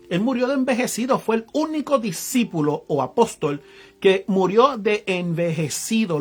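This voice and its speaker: Preaching a sermon in a Puerto Rican accent, this evangelist reads Bible verses aloud and breaks them down in casual, everyday local slang, greeting his online viewers along the way. His voice is high-pitched and husky.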